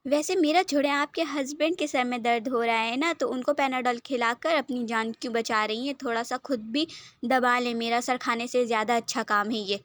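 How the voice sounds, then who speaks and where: A woman's voice: a little high, steady tone, a bit bright, no room sound, close to an everyday voice. Woman doing a sarcastic teasing young woman.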